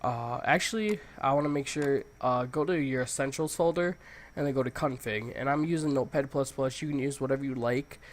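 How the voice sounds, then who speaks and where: Male tutorial host, mid-pitched, congested with a cold, loose and informal delivery. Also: brisk. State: congested, stuffy nose from a cold. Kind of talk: casual software tutorial, screen walkthrough.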